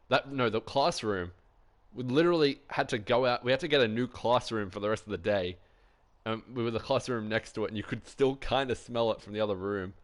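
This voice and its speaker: A young man streaming live, rambling through anecdotes in casual chat, swearing often and laughing a lot. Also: fairly low pitch.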